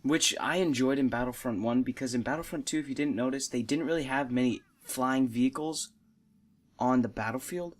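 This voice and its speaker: A man's voice: mid-range voice, fairly quick. A young man hosting a casual gaming podcast, giving his opinions with enthusiasm and laughing often. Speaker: podcast host.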